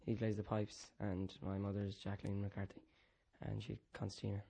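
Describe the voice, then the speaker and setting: A man's voice: lowish voice, monotone, fairly quick, creaky, dark tone, husky. A man from Galway with a west of Ireland accent, giving brief, hesitant interview answers. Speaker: young musician being interviewed.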